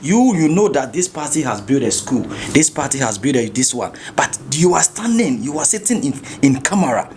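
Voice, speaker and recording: A man, a guest in an interview, talking in fast bursts and often repeating words and restarting. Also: medium pitch, big pitch swings, darkish tone, slight background noise. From Ghana. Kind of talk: casual interview talk.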